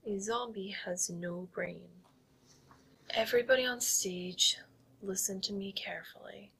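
A woman playing a stage hypnotist who calls herself a zombie queen, giving soft whispered commands in an ASMR hypnosis roleplay. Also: medium pitch, unhurried, vocal fry, slightly rough, exaggerated voice, low-quality recording. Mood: playful.

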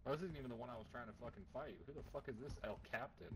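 Fast-talking, cursing man in voice chat. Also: medium pitch. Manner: swears a lot, fast and blunt. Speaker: other player in voice chat. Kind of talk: in-game voice chat. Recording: loud game noise and gunfire.

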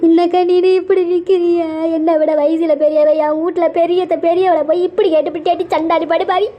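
A woman's voice: extremely high pitch, little pitch movement, a little fast, dull audio. A woman voicing a wounded older cartoon woman who laments tearfully. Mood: wailing.

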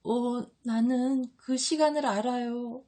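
A woman's voice: on the high side, steady tone, takes it slowly, dark tone, voice pushed up. A woman voicing a weeping young disciple, John. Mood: tearful. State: crying. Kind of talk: audiobook reading.

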